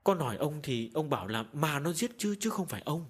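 A flustered young servant woman, as a male narrator puts her on, pitched well above his own voice. She stammers and speaks with nervous deference, her tone husky and lively, in a storybook horror reading. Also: moderate pace, heavily acted.

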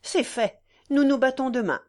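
A woman's voice: high voice, normal speed, darkish tone, lightly acted. A woman reading the part of a brutal, mocking aristocratic husband in a storybook, with blustering, harsh delivery. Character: brutal sneering aristocratic husband, middle-aged man.

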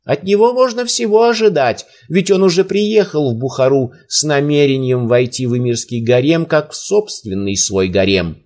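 A man voicing a bold male trickster who speaks with smooth, mocking politeness. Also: medium pitch, animated, normal speed, few pauses, a little mellow, natural voice.

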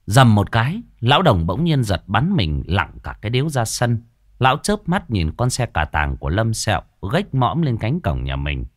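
A man narrating a story in a lively, expressive way into a close mic. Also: lowish voice, moderate pace, dry recording.

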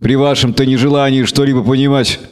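A stern monster hunter speaks in a cold, measured tone, as a male narrator reads him. His words are deliberate and unhurried, with little warmth. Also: mid-range voice, level tone, clean tone, lightly acted.

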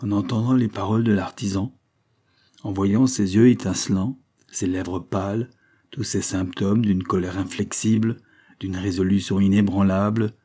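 A man narrating a historical tale as an audiobook, in a measured, dramatic reading. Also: on the low side, mellow, husky.

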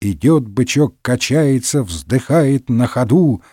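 A man's voice: medium pitch, animated, slow, mellow, breathy edge, no room sound, clean studio sound. A man voicing a clumsy, hard-drinking, hulking musketeer in a comic story. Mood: drawling.

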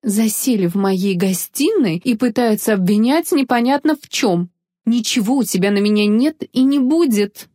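Woman voicing a shrill drunk spiteful sorceress. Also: lively intonation, moderate pace, warm tone, no echo, clean studio sound. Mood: furious. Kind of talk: audiobook character voice.

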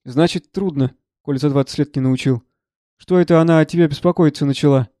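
A man reading the part of a gruff, blunt elderly friend who speaks curtly and probes. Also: on the high side, a little fast, dark tone, no room sound, natural voice. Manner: curt, dry, probing.

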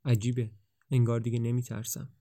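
Man reading a scared young man turned bold, urgent and pleading, middle pitch, for a storybook. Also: monotone, dark tone, no echo, studio quality, natural voice. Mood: passionate. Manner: urgent, pleading, rising to passionate.

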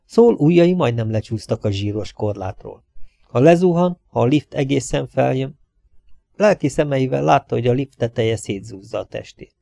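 A man reading a thriller aloud as an audiobook narrator, steady and even. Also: mid-range voice, vocal fry, no echo, clean studio sound. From Hungary. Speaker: audiobook reader.

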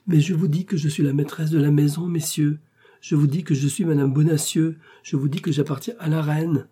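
A man's voice: on the high side, fairly even intonation, fairly quick, warm tone, husky, voice pushed up. A man voicing a frightened young woman who insistently protests and pleads in a storybook reading. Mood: pleading.

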